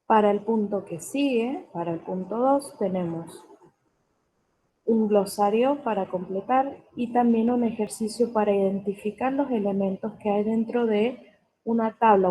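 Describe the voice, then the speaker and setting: A woman teacher runs a vocabulary lesson at an unhurried pace, saying each word deliberately and repeating it for her students to note. Her voice is soft and mellow. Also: mid-range voice, a little hiss or hum, rough recording. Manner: spells out and repeats words slowly and carefully. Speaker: English teacher.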